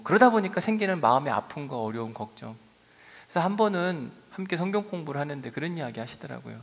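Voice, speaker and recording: A middle-aged male pastor preaching a sermon, telling stories with lively swings between soft asides and raised emphasis. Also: medium pitch, gravelly. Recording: long hall reverb.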